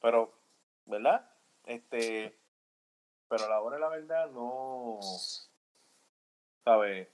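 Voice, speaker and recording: A man's voice: medium pitch, slow pace, long pauses, a little mellow, a little hiss or hum, low-quality recording. A man with a Puerto Rican accent, a guest on a podcast, giving his opinions in casual talk, thinking aloud and often checking in with tag questions. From Puerto Rico.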